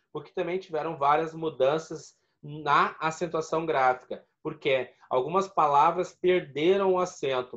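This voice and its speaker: A man with a slightly high, fairly bright voice, heard through dull audio, teaches a video lesson. He explains the rules step by step, repeating key points and counting syllables aloud.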